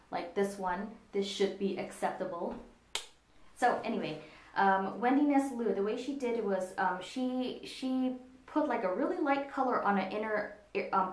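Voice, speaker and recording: A woman giving a casual makeup tutorial, talking in a relaxed, meandering way with frequent ums. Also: mid-range voice. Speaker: makeup vlogger. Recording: echoey room.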